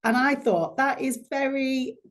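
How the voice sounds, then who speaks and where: A woman's voice: high voice, a little slow. A woman hosting a podcast interview, chatty and effusive, introducing her guest with many restarts. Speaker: podcast host.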